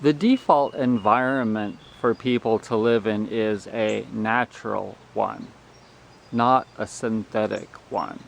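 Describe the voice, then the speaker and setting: A man giving a blunt, preachy, casual monologue to viewers, phrasing deliberately with pauses and chewing food while he talks. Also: on the low side, steady tone, gravelly, a little hiss or hum. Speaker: health vlogger.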